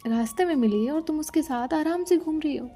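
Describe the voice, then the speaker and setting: A woman's voice: high-pitched, fairly quick, mellow, faint music behind. A woman narrator voicing a bossy young woman who scolds and demands answers. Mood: scolding.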